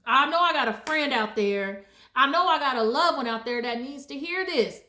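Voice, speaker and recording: High animated woman in an echoey room. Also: moderate pace. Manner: emphatic and preachy, laughs often. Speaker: vlogger giving life advice. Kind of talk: casual motivational monologue.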